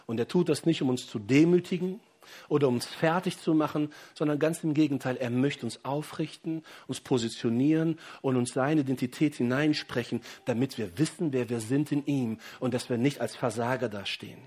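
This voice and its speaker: A middle-aged man, a pastor, preaching a sermon with rising emphasis and pauses, addressing the congregation directly. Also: mid-range voice, a little mellow, breathy edge.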